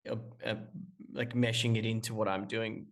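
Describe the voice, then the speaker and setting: A man from Australia, a musician phoning in for an interview, speaks casually in lengthy, wandering answers packed with fillers and false starts. His voice is lowish and level, at a normal speed.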